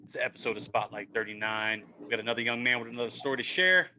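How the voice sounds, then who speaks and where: A man's voice: mid-range voice, steady tone, racing, bright, forceful tone, slight background noise. A man hosting a casual sports podcast, upbeat and encouraging, often tagging "man" and "right?" onto his sentences. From Maryland, USA. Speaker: podcast host.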